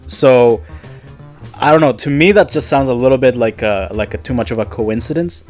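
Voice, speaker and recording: A man in casual podcast chat, animated and breaking into laughter, often trailing off and restarting his sentences. His voice sits at a middle pitch, and soft music plays faintly in the background. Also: normal speed. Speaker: podcast co-host.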